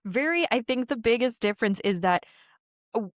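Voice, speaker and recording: A woman's voice: on the high side, lively intonation, moderate pace, no echo, studio quality. A woman talking as a podcast guest in casual interview chat, candid and blunt, often laughing as she talks.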